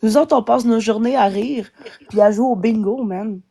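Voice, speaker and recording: A woman's voice: a little high, moderate pace, creaky, warm tone. A woman with a Québécois French accent ranting angrily as a guest on a live stream, swearing often. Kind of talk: angry live-stream rant.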